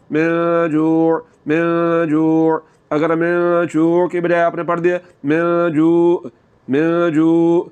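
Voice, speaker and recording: Patient male recitation teacher, smooth voice. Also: a little high. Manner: slow, drawn-out model recitations between explanations. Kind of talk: explaining and demonstrating recitation.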